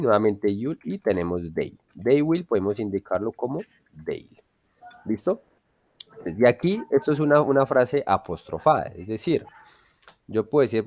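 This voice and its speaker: Speaking in a fairly low, darkish voice with no room sound, a man with a Colombian Spanish accent gives an online English class. He frequently questions his students to make sure they understand.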